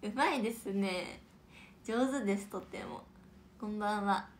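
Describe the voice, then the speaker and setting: A young woman hosting a casual livestream and reading out viewer comments, with a chatty, playful manner and soft whispered asides. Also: medium pitch, a little slow, a little hiss or hum. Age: young adult.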